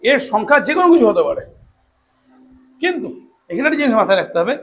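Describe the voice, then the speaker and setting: A man teaching a classroom biology lesson, slowly spelling out long terms and often checking that students follow. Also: very high-pitched, big pitch swings, slight background noise, poor audio. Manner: slow deliberate spelling out of terms, frequent check-ins. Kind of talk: classroom lecture.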